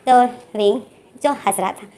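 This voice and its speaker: A woman's voice: mid-range voice, unhurried, mellow. A woman casually retelling a romantic fan story, chatty and full of repeated fillers.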